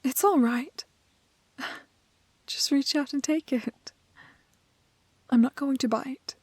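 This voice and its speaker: Timid and polite, a woman portrays a curious, gentle village maiden for a romantic fantasy audio roleplay. She speaks in a high-pitched, soft, breathy voice, her phrasing halting and quaintly polite, captured in a dry recording.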